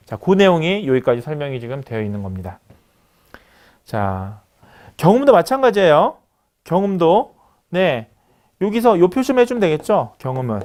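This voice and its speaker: Male lecturer, middle-aged, fairly high and animated; steady classroom explaining with frequent "so, yes" fillers. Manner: explains step by step, many "자" and "네" fillers; writes on screen while talking. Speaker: university lecturer. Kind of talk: recorded online lecture.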